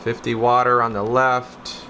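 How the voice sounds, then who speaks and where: A man with a medium-pitched, pushed and bright voice speaks in a level tone without hurrying, over a little hiss or hum. He hosts a radio repair and test video channel and is giving a casual hands-on demo, explaining each step to viewers and sometimes half muttering to himself.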